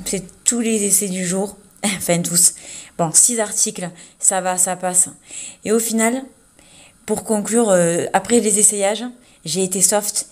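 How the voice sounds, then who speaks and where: A woman chatting casually to camera about her day, relaxed and full of fillers. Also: mid-range voice. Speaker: vlogger preparing for a fitness competition. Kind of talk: casual vlog narration.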